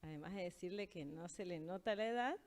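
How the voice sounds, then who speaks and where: A woman teaching in a casual language lesson, explaining patiently and slowing down to read example phrases. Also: on the low side.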